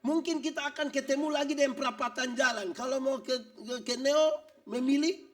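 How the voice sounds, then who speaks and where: A man preaching a church sermon, animated and joking, acting out little scenes. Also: very high-pitched, a little fast, far from the mic. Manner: animated preaching with acted-out quotes and jokes. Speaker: pastor.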